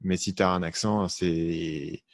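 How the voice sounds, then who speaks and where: A man's voice: sits low, steady tone, slow, no room sound, studio quality. A man with a mixed French accent, hosting a podcast and asking questions in casual conversation. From France. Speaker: podcast host. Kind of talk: casual interview chat.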